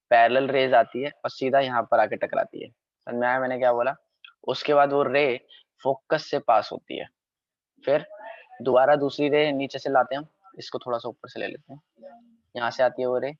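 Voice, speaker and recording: A man's voice: medium pitch, no echo. Guy teaching class 10 science, keeps asking if u got it, dry kinda dull recording. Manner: repeatedly checks understanding, quick self-corrections. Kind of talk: recorded revision lecture.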